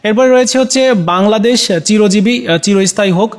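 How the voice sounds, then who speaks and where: A man teaching, going through exam answers one by one, talking straight to his students, often pausing on fillers. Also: sits high. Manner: hesitant, many fillers; addresses students directly.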